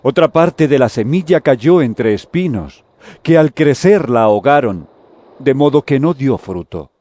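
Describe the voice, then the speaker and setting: An actor playing Jesus as a calm, authoritative teacher, speaking solemnly and deliberately in a dramatized audio Bible. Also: male voice, mid-range voice, no echo, natural voice. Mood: earnest teaching. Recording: music under the voice.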